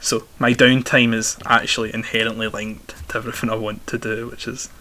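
A man's voice: lowish voice, little pitch movement, brisk, pushed and bright. A young man with a broad Scottish accent from Glasgow, answering interview questions in a talkative, conversational way, often repeating the starts of his phrases. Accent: strong Glaswegian. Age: young adult.

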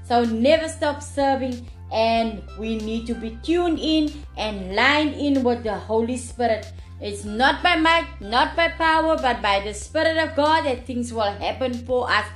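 A woman's voice: a little high, unhurried, hardly any pauses. A woman hosting a religious radio show, devout and affirming, repeating her phrases. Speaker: radio host. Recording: echoey sound with music behind. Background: music.

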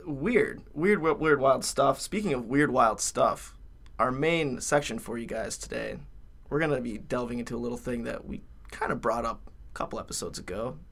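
In a podcast room, a young-adult co-host of a college podcast rambles through casual chat, joking around and leaning on fillers in a laid-back way. He talks at normal speed in an expressive, mid-range, fairly bright voice with vocal fry.

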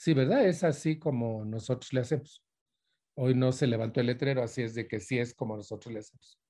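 A man's voice: medium pitch, fairly even intonation, brisk, warm tone. A man giving a live motivational talk to an audience, asking them questions and acting out angry outbursts. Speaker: motivational speaker.

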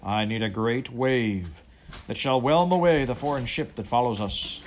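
A man voicing a fierce, proud sea captain who speaks in a loud, declamatory way. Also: mid-range voice, normal speed, a little hiss or hum, natural voice. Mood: pleading.

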